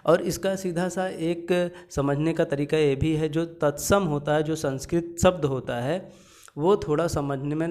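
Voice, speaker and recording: A male teacher with a slightly high, darkish voice leads an exam-prep lesson, working through the questions step by step. He poses questions, answers them himself, and repeats every answer.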